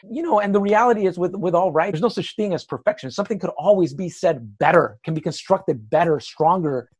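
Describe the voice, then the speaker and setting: Rambling self-deprecating man, higher voice. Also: a little mellow, slightly rough. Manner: self-deprecating, rambling with many "you know"s. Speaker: writing teacher. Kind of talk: podcast conversation.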